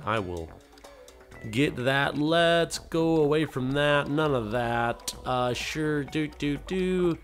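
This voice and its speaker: A man with a mid-range, slightly bright voice hosts a casual game livestream. He chats loosely and playfully with viewers, now and then slipping into silly voices.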